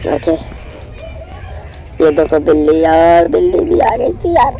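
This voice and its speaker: A young man, hoarse from a cold, giving jittery live commentary on a horror game, repeating words in quick bursts. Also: on the high side, sing-song, dark tone, faint music behind, poor audio. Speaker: gaming channel host.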